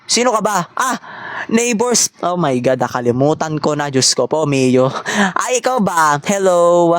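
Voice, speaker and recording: Playful chatty gamer in mid pitch. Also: sing-song, measured pace, dry recording. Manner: chatty, playful, mock-serious banter; mixes in English phrases. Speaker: gamer playing online with others. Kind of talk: casual gameplay chat.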